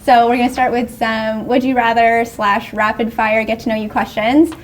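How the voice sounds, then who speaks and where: A woman with a bright, high voice runs an upbeat backstage interview. She moves through rapid questions with a bubbly manner, recorded at a concert venue before a show. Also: little pitch movement, poor audio.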